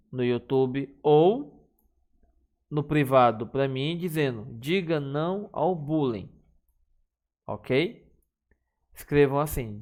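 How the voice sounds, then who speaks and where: A man teaching a recorded Spanish lesson to schoolchildren, explaining patiently and speaking straight to his pupils. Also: medium pitch.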